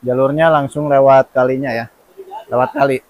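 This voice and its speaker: A young man talks casually to his vlog viewers. His voice sits at an average pitch, captured outdoors on a handheld camera with little echo. He speaks, guiding viewers along as host. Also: fairly even intonation, normal speed. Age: young adult. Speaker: vlogger. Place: outdoors on a forested mountain trail and rocky stream. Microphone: handheld camera at arm's length.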